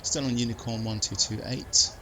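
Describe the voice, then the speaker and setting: A man's voice: medium pitch, little pitch movement, moderate pace. A man narrating a simulated flight as the pilot, mixing casual commentary with clipped, matter-of-fact cockpit callouts and radio calls. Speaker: flight sim pilot streaming. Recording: clearly noisy background.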